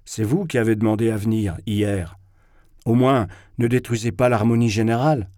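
A man's voice: fairly low pitch, fairly even intonation, normal speed, warm tone, no echo, studio quality, close to an everyday voice. A man reading a novel aloud, voicing a blunt young man who scolds brusquely. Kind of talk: audiobook character reading.

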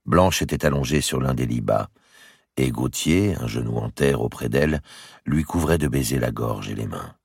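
Un homme qui lit un roman historique en livre audio, avec une narration expressive. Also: male voice, extremely low pitch, normal speed, creaky, husky, dry recording, clean studio sound. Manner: expressive storytelling. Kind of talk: audiobook reading.

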